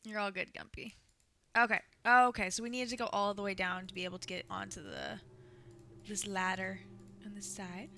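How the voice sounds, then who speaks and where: A woman's voice: mid-range voice, lively intonation, moderate pace, background noise. A woman streaming a video game, chatting in a sing-songy way and talking to her viewers as she plays. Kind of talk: casual gameplay commentary. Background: game music.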